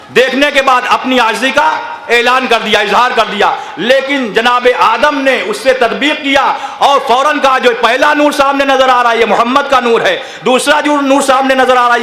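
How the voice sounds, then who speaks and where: A man from northern India preaches with a high, bright, ringing voice. His impassioned delivery calls out to the gathering. The sound echoes through a public-address setting, with faint ambience behind it. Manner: impassioned oratory, calling out to the gathering. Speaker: cleric. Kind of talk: religious sermon. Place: religious gathering at a public venue.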